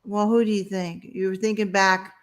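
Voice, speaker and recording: A woman's voice: mid-range voice, little pitch movement, moderate pace. A woman hosting an interview, chatting casually and asking the guest curious questions. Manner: curious, asks probing questions. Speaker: host.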